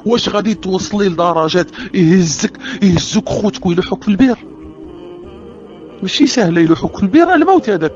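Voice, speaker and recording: A woman's voice: medium pitch, animated, fast talker, a little mellow, highs cut off, soft background music. Impassioned Moroccan woman preaching. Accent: Moroccan Arabic. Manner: impassioned, pleading, rhetorical questions. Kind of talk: religious exhortation to women.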